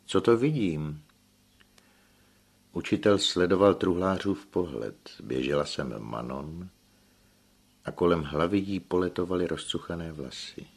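A man narrating an audiobook with steady storytelling and a deep husky voice. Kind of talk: scripted narration.

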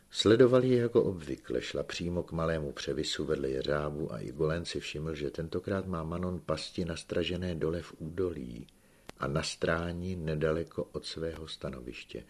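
A man reading a novel aloud as an audiobook narrator, in measured, unhurried scripted narration. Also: rumbling low.

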